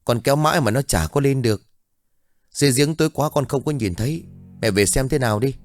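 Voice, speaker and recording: A man's voice: medium pitch, no room sound, clean studio sound, faint music behind, voice pushed up, close to an everyday voice. A man voicing a flustered young son who hurriedly calls for his mother in a spoken ghost story. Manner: urgent, rushed.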